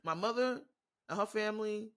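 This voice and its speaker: A woman with a New York accent talks straight into her podcast mic with a blunt, profane edge. She rants with passion in a loose, casual monologue. Her voice sits at an ordinary middle pitch. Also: normal speed. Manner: blunt, profane, impassioned ranting. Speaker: podcast host.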